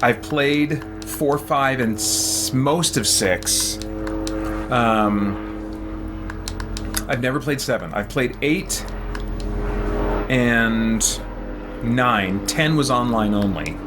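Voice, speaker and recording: A man's voice: medium pitch, extremely slow, pauses often, over music. A man hosting a gaming channel, chatting casually and thinking aloud with many fillers while he plays. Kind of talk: casual chat while playing games.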